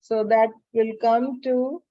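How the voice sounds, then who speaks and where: A woman's voice: on the high side, flat delivery, slow. A woman with an Indian accent teaching chemistry in an online class, captured in a screen recording, calling on students by name and checking they follow. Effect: screen-recorded online class audio. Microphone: video call computer mic. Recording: dull lo-fi video call audio.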